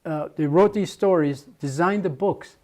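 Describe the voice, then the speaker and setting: This older man from Jamaica, a muralist, recalls his history at length for an oral history project, with many restarts and fillers. His voice is a little high and darkish in tone, delivered at normal speed.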